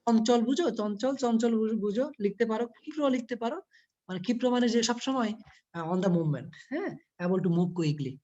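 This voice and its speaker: A woman's voice: a little high, animated, brisk, dark tone. Woman teacher explaining a poem, muffled. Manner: explains word by word, asks the class questions. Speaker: English teacher. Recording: dull lo-fi recording.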